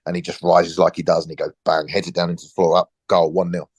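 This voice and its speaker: A former professional footballer, appearing as a podcast guest, tells a relaxed football anecdote at a fast clip. He's a lively storyteller who acts out quoted dialogue and restarts often; his voice sits low with a breathy edge, and there's no room sound.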